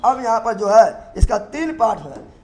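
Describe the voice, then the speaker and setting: A man's voice: high-pitched, very animated, moderate pace, a little mellow, a little hiss or hum. A man teaching a classroom biology lesson, firing questions at the class and repeating each term over and over. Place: classroom with students.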